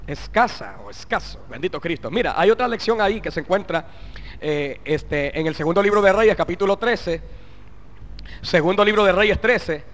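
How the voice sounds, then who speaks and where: A male pastor preaching a fervent sermon. He fills it with hallelujahs and swings from loud exhortation to muttered asides. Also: high voice, animated, moderate pace. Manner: fervent preaching, with frequent interjected "aleluya" and "bendito Cristo". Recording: long reverb of a large hall.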